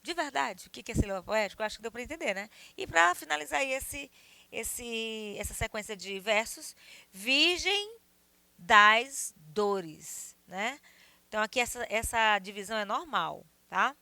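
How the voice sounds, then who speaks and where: A woman teaching a lesson on verse and syllables, with a bright, tense edge to her fairly high voice. She talks students through each step and keeps checking that they follow. The recording is close and dry, with almost no room sound. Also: animated, brisk, creaky, no echo. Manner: explanatory, checks understanding with tags like "tá?" and "né?". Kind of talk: video lesson explaining poetic meter.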